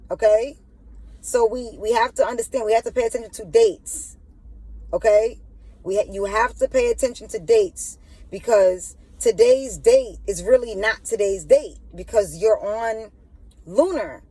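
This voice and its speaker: This channel host, a woman, speaks at a measured pace in a warm, slightly rough voice on the high side, giving a spiritual monologue. She stutters and often asks "you know what I'm saying"; the audio is poor, with no room sound.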